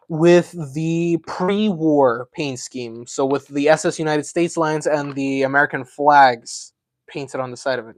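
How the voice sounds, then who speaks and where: A man's voice: fairly high pitch, a little mellow. A man hosting a casual live stream, chatting and thinking aloud as he builds, a self-described yapper. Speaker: livestream host.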